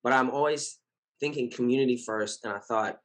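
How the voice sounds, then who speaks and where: A man with a scratchy, hoarse voice talking casually to his community as founder, earnest and reassuring, rambling with many fillers and self-corrections. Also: medium pitch, fairly quick, fairly bright tone. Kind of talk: casual spoken update to followers.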